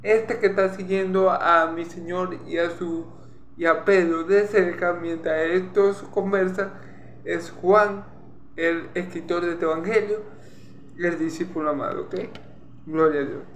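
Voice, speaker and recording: A Venezuelan man with a Maracaibo accent teaches scripture in a high voice. He explains patiently, repeats phrases and checks in with his listeners. The room is echoey, with a faint hum of ambient noise. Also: steady tone, unhurried. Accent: Maracaibo Venezuelan Spanish. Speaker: preacher. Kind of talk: Bible teaching sermon.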